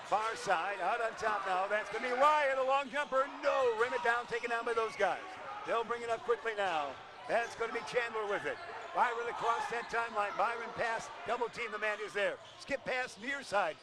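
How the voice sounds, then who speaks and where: Older play-by-play announcer, high bright voice, excited calls, gym crowd around him. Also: male voice, background noise. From Illinois. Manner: rapid excited calls, chatty asides. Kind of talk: high school basketball play-by-play.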